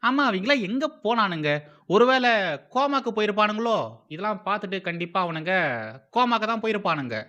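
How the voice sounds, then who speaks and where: A man's voice: sits high, fast talker, bright, forceful tone, lo-fi sound. A man from Tamil Nadu giving heated, scornful political commentary as a channel host.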